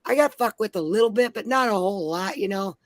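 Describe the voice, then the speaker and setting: A woman's voice: mid-range voice, quick pace, dry recording. Blunt, foul-mouthed woman telling stories. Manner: blunt and heavily profane. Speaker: panel guest. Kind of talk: casual storytelling chat.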